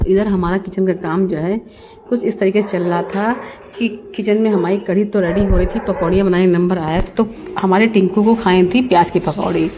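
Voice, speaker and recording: A woman's voice: mid-range voice, fairly even intonation, normal speed, background noise. A middle-aged woman narrating her family's day in a chatty, homely storytelling way, as a vlogger.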